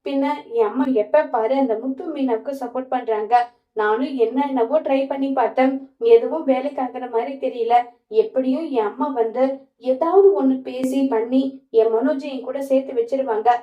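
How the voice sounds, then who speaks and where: A sly young wife lays out her scheme, as a woman recapping a serial reads her lines. The voice stays high and plain. The recording is roomy and dull. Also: normal speed, natural voice. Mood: scheming.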